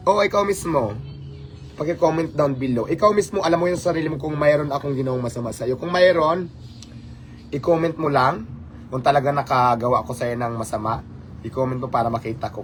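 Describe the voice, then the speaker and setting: A man hosting a casual livestream, talking animatedly and rhetorically, mixing in English phrases. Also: medium pitch. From Philippines. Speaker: livestream host.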